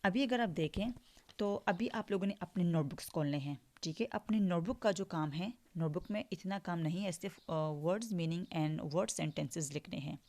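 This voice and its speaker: A woman's voice: lowish voice, darkish tone. A woman teacher giving an online English phonics lesson in Hindi mixed with English, spelling each word letter by letter and then saying it, with a frequent "theek hai". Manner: slow drills, spells words letter by letter then says them; mixes English words into Hindi, repeats "ठीक है" often.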